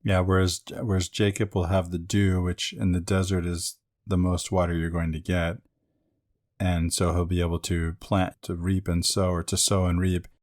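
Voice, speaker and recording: A man's voice: deep voice, little pitch movement, moderate pace, darkish tone. A man co-hosting a scripture discussion podcast, adding short, wry, conversational asides. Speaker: podcast co-host.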